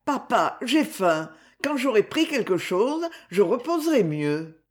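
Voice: mid-range voice, big pitch swings, slow, pitched above the performer's own voice. A reader voicing a sick, remorseful young boy in an audiobook, anxious and pleading. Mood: tearful relief. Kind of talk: audiobook character reading.

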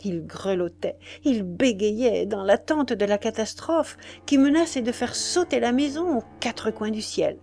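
A woman narrating a novel as an audiobook, calm and measured. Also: fairly high pitch, creaky.

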